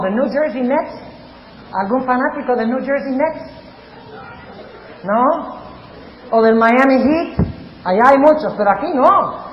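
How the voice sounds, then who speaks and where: A male pastor preaching an animated sermon and asking the congregation questions. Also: very high voice, highs cut off. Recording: echoey hall with faint noise.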